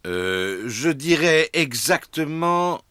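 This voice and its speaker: A man's voice: on the high side, sing-song, slow, pushed and bright, smooth, no room sound, exaggerated voice. A man voicing a jolly, clumsy father pig in a children's cartoon, chuckling as he talks. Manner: jovial, chuckling, bouncy delivery.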